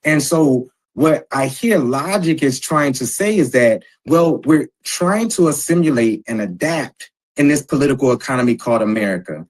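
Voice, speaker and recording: Husky-voiced man moderating a discussion. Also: medium pitch, animated, rough recording. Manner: measured, explanatory, lecturing to settle a debate. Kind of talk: casual panel discussion.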